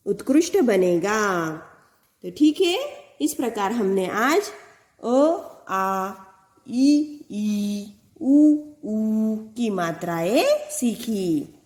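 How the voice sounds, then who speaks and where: A woman teaching Hindi to primary school children in a recorded lesson, reading words out slowly and carefully, sounding out syllables one by one. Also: medium pitch, a little mellow. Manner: slow, careful word-by-word reading, stretching out syllables. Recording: echoey room.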